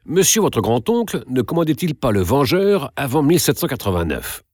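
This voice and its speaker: A man reading aloud and voicing a stiff older aristocratic count who is ceremonious and quick to flare up. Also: mid-range voice, sing-song, darkish tone, dry recording, studio quality, voice pushed up. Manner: ceremonious, bursts out sharply.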